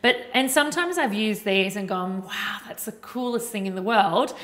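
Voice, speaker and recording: A woman's voice: medium pitch, expressive, normal speed, fairly bright tone. An Australian woman hosting a casual how-to chat, colloquial and asking questions in everyday terms. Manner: colloquial, chatty, putting questions in lay terms. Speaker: host.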